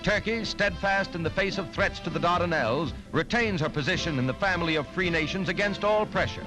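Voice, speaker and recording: Poor audio captures a brisk, high-voiced American man reading a scripted 1940s newsreel. He sounds urgent, emphatic and declamatory, with orchestral music playing in the background of the soundtrack.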